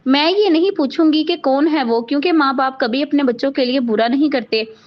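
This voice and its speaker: A woman reading the lines of a young bride who speaks softly and politely. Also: high-pitched, brisk, natural voice. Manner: soft, polite. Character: young bride, gentle but proud. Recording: dull lo-fi audio.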